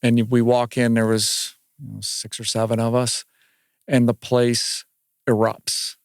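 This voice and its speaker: A man guesting on a running podcast, telling stories in a casual, animated way. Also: mid-range voice, unhurried, dry recording, clean studio sound. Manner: animated anecdote-telling with quoted voices. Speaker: podcast guest, marathon runner. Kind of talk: casual storytelling chat.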